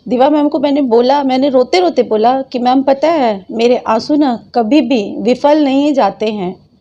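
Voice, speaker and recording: A woman's voice: high voice, unhurried, mellow, highs cut off. A woman vlogger in her thirties, talking in an emotional, devotional monologue that keeps repeating itself. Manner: repetitive, impassioned, devotional.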